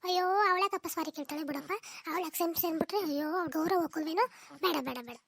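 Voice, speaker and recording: A woman doing a shrill wailing cartoon mother-in-law. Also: fairly even intonation, very fast, dry recording, studio quality. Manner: wailing, bickering, melodramatic laments. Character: complaining elderly mother-in-law, self-pitying and dramatic. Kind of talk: comic cartoon dub.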